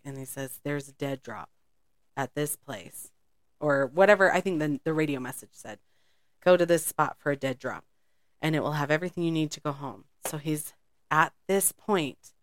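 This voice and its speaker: A woman's voice: low voice, no echo, studio quality. A woman co-hosting a podcast, telling a spy story in a rambling, casual way and laughing often. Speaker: podcast co-host.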